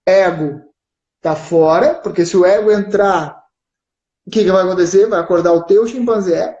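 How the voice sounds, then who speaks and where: A man with a southern Brazilian gaúcho accent explains his point patiently, checking in with his listener as he goes. His voice is warm and mellow. It comes through a roomy, somewhat dull live-stream feed. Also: high-pitched, moderate pace. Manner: explains patiently with frequent "né?" and "certo?" check-ins. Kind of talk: explanatory casual chat.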